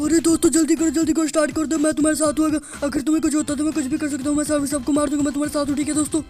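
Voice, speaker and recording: A man voicing an anxious, fussy little cartoon boy who talks fast and frets over the gameplay. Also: extremely high pitch, little pitch movement, warm tone, faint music behind, pitched below the performer's own voice. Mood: urgent. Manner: fretful, rushed and talkative.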